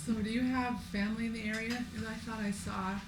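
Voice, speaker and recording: A woman's voice: a little high, steady tone, fast. A woman chatting informally as she interviews a group, often trailing off mid-thought. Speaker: interviewer gathering family history. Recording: echoey room, clear background noise.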